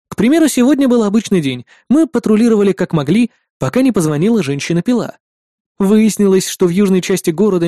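A man's voice: high voice, dark tone, no room sound, clean studio sound. Wry male audiobook narrator. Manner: wry, sardonic. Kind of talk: first-person story narration.

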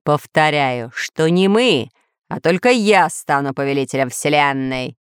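Using a deep, animated voice at an unhurried pace, a woman narrates a storybook as a pompous, menacing male scientist who lords over dinosaurs. The tone is clean, with no room sound and a clean studio recording.

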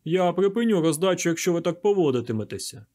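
A man's voice: a little high, big pitch swings, normal speed, a little mellow, pitched above the performer's own voice. A man reading an audiobook, voicing a curt, fussy young male clerk who barks orders. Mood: curt commands. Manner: curt, commanding, falsely soothing. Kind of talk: audiobook character voice.

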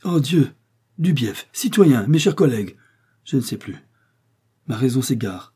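A man's voice: on the low side, normal speed, dark tone, breathy edge. A man voicing a middle-aged aristocratic father who pleads emotionally, in a raised voice. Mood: desperate pleading.

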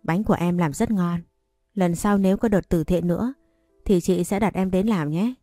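A gracious rich young wife speaks with friendly warmth, as a woman storyteller reads her part. The voice stays low and mellow, recorded close and dry. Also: moderate pace, dry recording, faint music behind, lightly acted. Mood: cheerful. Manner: friendly, warm praise.

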